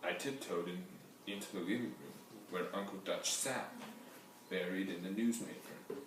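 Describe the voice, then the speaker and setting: A man reads a children's storybook aloud with lively expression. His voice sits low. He sounds distant from the mic in a very echoey room. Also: normal speed, noisy background. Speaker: storybook reader. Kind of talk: reading a picture book aloud. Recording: very echoey room heard from afar.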